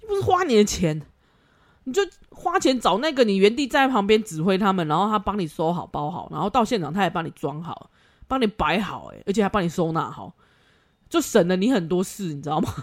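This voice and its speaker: Woman host, pitch that swings widely, frank and foul-mouthed, quick to laugh. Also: animated. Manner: blunt, swears freely, laughs often. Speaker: podcast host. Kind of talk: casual advice chat.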